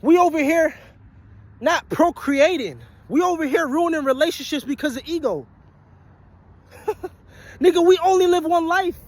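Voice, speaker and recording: A man in his twenties, a vlogger and aspiring musician, delivers a blunt, profane motivational rant to his viewers after a long work shift, repeating his points over and over to hammer them home. His voice is very high-pitched, at a normal speed with long pauses.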